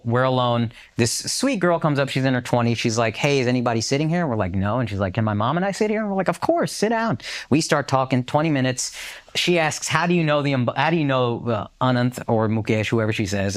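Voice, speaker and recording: A man's voice: mid-range voice, fast. A man on a podcast, casually telling a story with lots of swearing and acted-out quotes. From United States. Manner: animated storyteller, swears freely, acts out quotes. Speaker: podcast co-host.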